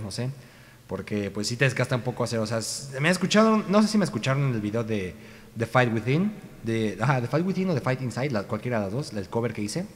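A man's voice: medium pitch, big-room sound. A young man with a Mexican Spanish accent, an amateur voice actor rambling in a casual, self-correcting vlog chat on a cheap home microphone.

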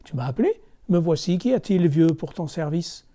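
A man's voice: fairly high pitch, lively intonation, moderate pace. A man voicing a kind, gracious magical golden fish in a storybook reading. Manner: gentle, gracious.

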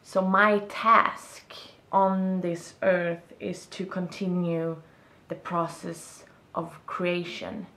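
Seated on a bed in a small room, a young Swedish vlogger speaks English as a second language with a Swedish accent in a reflective, casual monologue to camera, gesturing and searching for words. Her fairly low voice is flat and very slow yet pushed and bright, and the room is reverberant.

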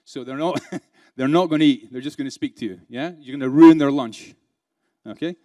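A man's voice: medium pitch, normal speed, mellow. A man giving a keynote talk to a live conference audience, peppering them with rhetorical questions and playful asides. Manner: laughs between points, playful. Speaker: keynote speaker.

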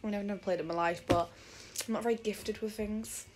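A woman's voice: medium pitch, fairly even intonation, fast. A young woman chats to her camera in a loose, rambling way, often poking fun at herself. Her voice sits in a middle register, and a faint hiss runs under the recording. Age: young adult. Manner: chatty, rambling, self-deprecating. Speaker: vlogger. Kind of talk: casual vlog chat. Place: at home, then outdoors.

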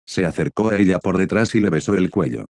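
A man narrating a fan fiction story in an even, matter-of-fact reading. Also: low-pitched, quick pace, dry recording, clean studio sound.

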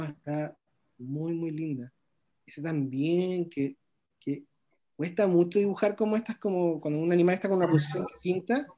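A man's voice: high voice, warm tone. A man teaching an illustration workshop over a video call, praising students' drawings with lots of enthusiasm and frequent restarts.

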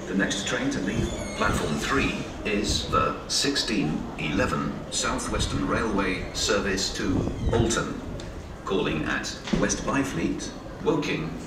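A man making measured train announcements, heard over a station public address loudspeaker on a railway platform. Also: on the low side, distant mic. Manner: measured, even announcing delivery. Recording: echoey loudspeaker heard from afar, noisy.

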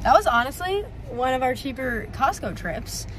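Holding her phone camera at arm's length, a woman in her twenties chats through a casual vlog inside a large warehouse store. Her high, fairly bright voice is expressive and moves at a normal speed, peppered with upbeat "like"s and "literally"s, with slight background noise.

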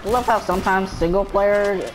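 A woman giving casual gameplay commentary, excitable and rambling, often stumbling and repeating her words. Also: medium pitch, normal speed, low-quality recording.

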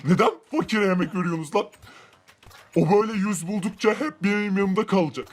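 A man playing an arrogant rich man in a Minecraft role-play, who boasts about his wealth, gloats, and shouts cruel threats. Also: sits high, brisk. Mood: furious threatening.

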